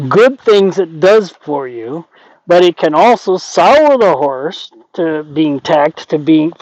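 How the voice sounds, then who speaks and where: Older male trainer, conversational and illustrative, slightly high voice, close lo-fi recording. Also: a little mellow, no echo. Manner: conversational, acts out imagined quotes. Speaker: horse trainer. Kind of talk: casual explanatory talk to camera and companion. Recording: dull lo-fi audio.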